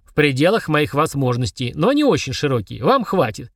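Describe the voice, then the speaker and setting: A man voicing a haughty, short-tempered male demon lord who roars and sneers at mortals in a slow, booming manner. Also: sing-song, dry recording, studio quality. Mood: wheedling. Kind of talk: audiobook character voice.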